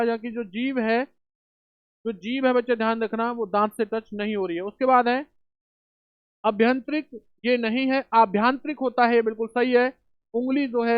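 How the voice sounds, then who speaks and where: A man's voice: very high-pitched, clean tone, dry recording. A man teaching a spelling lesson for exam prep, asking rhetorical questions and answering them himself, calling students children and brothers. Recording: dull dry home recording.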